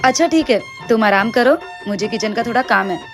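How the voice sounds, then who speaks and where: A woman playing an elder sister-in-law who flatters and fusses over the new bride. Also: on the high side, a little fast. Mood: sweet. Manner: flattering and fussy. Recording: music playing behind.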